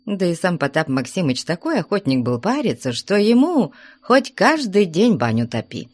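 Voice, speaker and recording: A woman reading a classic novel aloud as audiobook narrator, measured and steady. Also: fairly low pitch, dry recording. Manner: measured storytelling. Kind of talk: scripted narration.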